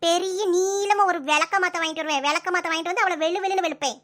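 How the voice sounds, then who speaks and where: A woman voicing a sharp-tongued, bossy older mother-in-law in a comic cartoon, with a Kanyakumari Tamil accent and a nagging, rapid-fire way of scolding. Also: very high voice, steady tone. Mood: threatening.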